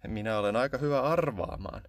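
A man's voice: mid-range voice, lively intonation, no room sound, studio quality, pitched above the performer's own voice, close to an everyday voice. A man voicing a scheming, nosy house cat in a storybook, talking in a sly, coaxing way. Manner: coaxing, sly, pointedly loud.

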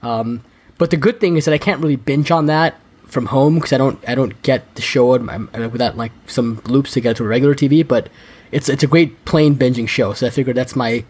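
A man talking quickly in an easygoing interview, tripping over his words and restarting sentences. His voice sits at a middling pitch, and the chat flows loose and unscripted. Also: darkish tone, husky. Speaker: podcast guest.

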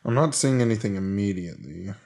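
A man with a loud voice chatting as a podcast guest, joking and sarcastic. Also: lowish voice, expressive, brisk, vocal fry. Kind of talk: casual chat.

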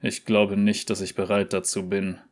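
A man's voice: on the low side, completely flat delivery, normal speed, lightly acted. Man reading as a grieving, bitter young prince. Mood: subdued. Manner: subdued, bitter.

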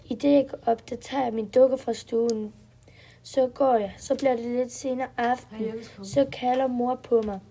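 Woman storyteller, first-person kids' tale, simple sentences, mellow tone. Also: fairly high pitch, fairly even intonation, vocal fry. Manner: simple short sentences, step-by-step telling.

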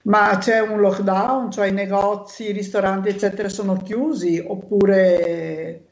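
A woman's voice: medium pitch, steady tone, unhurried, a little mellow. A woman chatting casually as an interviewer, asking and commenting in a conversational way. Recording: echoey room, slightly dull lo-fi sound.

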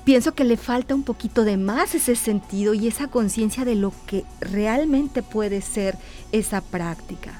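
Woman hosting a conversational interview, her voice mid-pitched with faint music underneath. She listens attentively and asks questions at a measured pace, backing up her guest with short affirmations. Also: dark tone.

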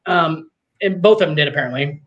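Male co-host, slightly high voice, rambling and profane. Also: brisk, a bit bright, highs cut off. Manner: rambling, profane, filler-heavy. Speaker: podcast co-host. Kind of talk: casual sports chat.

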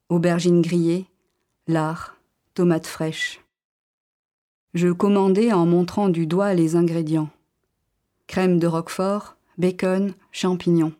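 A woman narrating a literary story in the first person, reading in a calm, measured way. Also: on the low side.

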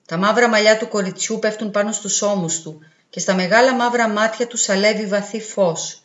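A woman's voice: medium pitch, steady tone. Woman narrating a story, echoey sound. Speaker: audiobook reader. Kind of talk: literary narration. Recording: roomy, dull, with faint music.

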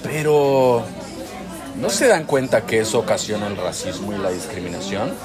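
A man with a Mexican accent co-hosts a discussion show, speaking in a fairly low voice at a moderate pace. He gives his opinions casually but earnestly and emphatically, often correcting himself, in an indoor public space with music and crowd chatter in the background.

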